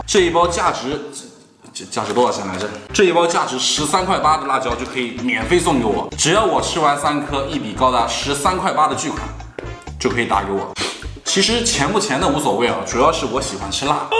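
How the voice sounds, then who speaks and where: Animated male food vlogger, mock-dramatic. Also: mid-range voice. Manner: playful, mock-dramatic exaggeration. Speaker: food challenge vlogger and host. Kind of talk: casual video narration to viewers. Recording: roomy sound with music behind.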